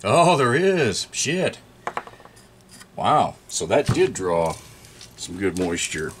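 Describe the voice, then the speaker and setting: A man's voice: lowish voice, very animated, slow pace, background noise. A middle-aged man casually talking through an old tool on his workbench, thinking aloud as he works and bursting out in surprise. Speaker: chainsaw repair channel host. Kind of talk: casual workshop show-and-tell. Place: indoor repair workshop.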